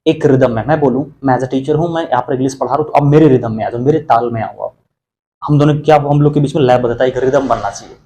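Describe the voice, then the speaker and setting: A man's voice: medium pitch, quick pace, dark tone. A man teaching English pronunciation, asking questions and repeating words to drill them. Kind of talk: bilingual classroom lesson.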